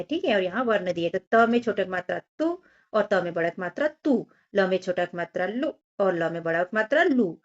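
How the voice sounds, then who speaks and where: A woman's voice: medium pitch, lo-fi sound. Patient woman teaching children syllables. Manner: patient, sounds out letters and syllables one by one; addresses children directly, gently instructive. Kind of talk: workbook lesson for young children.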